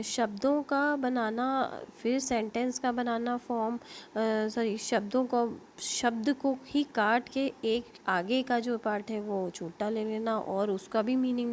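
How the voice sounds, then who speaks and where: An Indian woman teaches an online linguistics class through a computer mic. Her voice sits a little high, and she explains step by step with fillers and self-corrections. She checks in with "okay?" as she goes, over a faint background hiss. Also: a little mellow. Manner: explains in Hindi mixed with English terms, frequent fillers and self-corrections. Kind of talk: online lecture.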